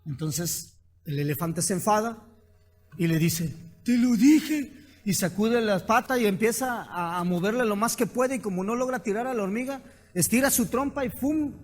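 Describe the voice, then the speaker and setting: A Mexican-accented man preaching as a pastor, with a voice pitched high for a man. He tells stories with energy and keeps asking the congregation rhetorical questions. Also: normal speed. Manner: animated storytelling with rhetorical questions. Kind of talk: sermon.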